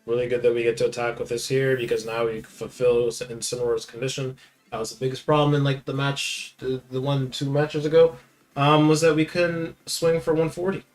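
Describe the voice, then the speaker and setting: A young man giving live commentary on his card game, muttering one moment and yelling taunts the next, repeating his hype lines. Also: medium pitch, flat delivery, a little fast, soft background music. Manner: hype, repeats taunting phrases, swings from quiet muttering to shouting. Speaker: gaming channel host. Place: home gaming setup with monitor.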